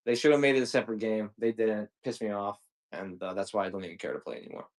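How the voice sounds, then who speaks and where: Here the livestream seller, a man in his twenties, talks at a quick pace in a fairly low voice. He rambles casually, swearing and leaning heavily on slang as he sells.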